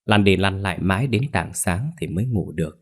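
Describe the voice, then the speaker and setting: Low male voice reading a ghost story, calm and even. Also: a little fast.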